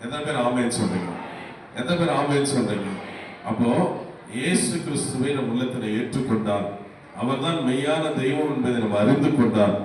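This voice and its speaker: Echoey pastor calling for congregation responses. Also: male voice, mid-range voice, moderate pace. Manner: presses the congregation to answer aloud, rhetorical questions. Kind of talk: call-and-response baptism sermon. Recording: very echoey hall, voice from a distance, faint noise.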